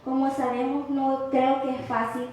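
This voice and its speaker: High-voiced woman preaching in an echoey hall. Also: little pitch movement, normal speed. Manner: impassioned preaching, rising to loud cries when quoting. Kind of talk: sermon. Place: church. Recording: very echoey church hall, faint noise.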